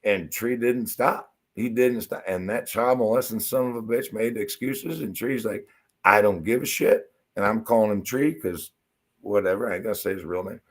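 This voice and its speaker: A man co-hosting a live stream, telling rowdy stories in a profane, excitable way. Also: on the low side, moderate pace. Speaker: co-host. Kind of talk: casual live-stream chat.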